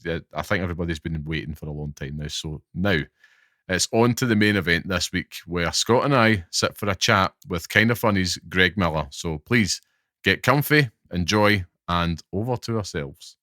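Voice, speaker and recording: A man's voice: deep voice, moderate pace, pushed and bright, dry recording, clean studio sound. A man with a thick Glaswegian accent, hosting and interviewing on a podcast. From Glasgow, Scotland. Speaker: podcast host.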